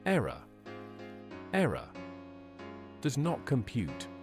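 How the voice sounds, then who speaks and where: A man's voice: mid-range voice, wildly swooping pitch, slow, over music. A man voicing a malfunctioning male robot that glitches and spouts garbled error messages and announcements. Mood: glitching. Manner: garbled, nonsensical machine announcements.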